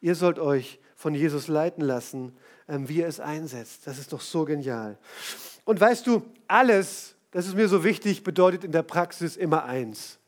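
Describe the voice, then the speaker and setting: A man's voice: on the high side, animated, moderate pace. A male preacher giving a casual, enthusiastic sermon full of storytelling, talking straight to his listeners.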